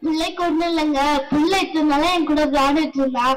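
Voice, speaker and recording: A woman voicing a gentle, devoted young mother who speaks softly and pleads. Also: high voice, fairly even intonation, fast, natural voice, rough recording. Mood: tearful.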